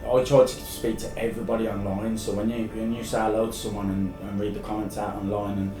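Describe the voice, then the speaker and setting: A man's voice: lowish voice, level tone, fast talker. A man in his thirties with an English accent, telling anecdotes in an informal, matey, rambling way as an interview guest. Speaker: podcast guest, live-streamer. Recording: roomy, distant sound with music behind.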